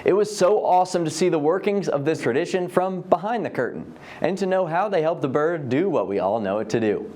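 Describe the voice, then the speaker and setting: A man's voice: fairly high pitch, lively intonation, a little fast, a little mellow. Upbeat young male student host. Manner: enthusiastic, promotional sign-offs. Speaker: show host and interviewer. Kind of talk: upbeat student show hosting.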